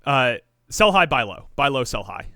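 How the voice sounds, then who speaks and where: A man's voice: medium pitch, normal speed, no echo, clean studio sound. A man co-hosting a sports podcast in casual, joking chat, often restarting his sentences. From Japan. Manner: animated, joking, trails off in restarts. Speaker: podcast co-host.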